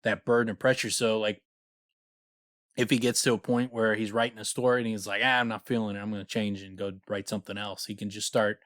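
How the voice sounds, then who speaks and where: A man co-hosting a podcast in casual chat, relaxed and rambling with lots of "like" fillers. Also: fairly low pitch, fairly quick, dry recording, clean studio sound. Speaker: podcast co-host.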